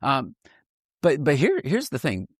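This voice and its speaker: A man's voice: mid-range voice, a little slow, slightly rough, dry recording, studio quality. A man hosting a conversational Bible teaching outdoors, explaining eagerly and often restarting his sentences. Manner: animated explainer with frequent restarts. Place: outdoors at ancient hilltop ruins.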